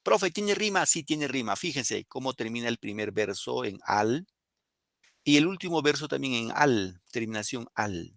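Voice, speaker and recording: A man's voice: medium pitch, lively intonation, normal speed, gravelly, a bit bright, no room sound. A male teacher with a Peruvian Spanish accent explaining a poem and questioning his students in a classroom lesson. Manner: explains and questions students, reads poems aloud.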